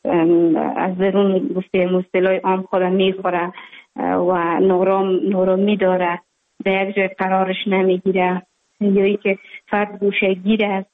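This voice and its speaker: A woman psychologist with an Afghan Dari accent, answering interview questions with many pauses and fillers. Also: medium pitch. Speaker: psychologist guest. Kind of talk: phone interview on radio. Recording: tinny phone line.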